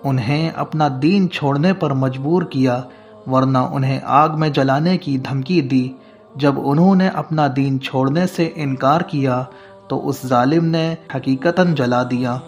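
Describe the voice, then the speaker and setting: A man giving formal, measured scripted narration of a religious story. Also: mid-range voice. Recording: faint background music.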